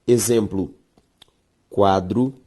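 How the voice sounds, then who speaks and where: A woman with a Brazilian Portuguese accent teaching a grammar lesson, stressing key words slowly and speaking straight to her viewers. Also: extremely low pitch, fairly even intonation, dark tone, husky. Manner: emphatic, drawn-out stressed words, addresses viewers directly.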